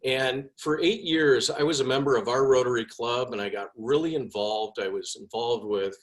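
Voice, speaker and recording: Man giving a casual speech, enthusiastic storytelling, mid-pitched voice. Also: normal speed. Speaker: past club president. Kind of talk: personal speech.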